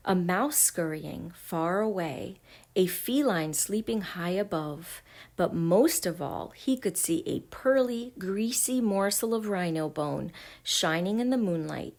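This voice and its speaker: A woman reading a children's picture book aloud, gentle and expressive, sometimes dropping to a hush. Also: medium pitch. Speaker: storybook reader.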